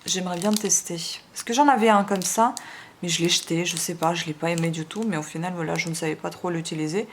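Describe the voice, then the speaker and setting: A woman's voice: lowish voice, steady tone, fast. A woman vlogger chatting casually through an unboxing, hesitant, with many fillers. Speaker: beauty vlogger. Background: wind noise and plastic crinkling.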